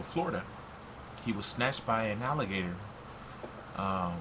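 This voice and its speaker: Low-voiced American man over whirring fan noise. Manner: blunt, swearing, opinionated. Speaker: online video commentator. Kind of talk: casual opinion vlog. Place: warm room at home with fan running. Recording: noisy, loud fan blowing nearby.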